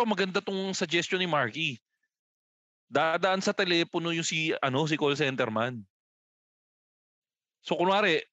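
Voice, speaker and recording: Filipino man, podcast co-host, crude joker; high, bright voice, dry close mic. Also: no echo, muffled recording. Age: adult, married. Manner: crude, laughs often, riffs on silly superhero ideas. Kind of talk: casual joking chat.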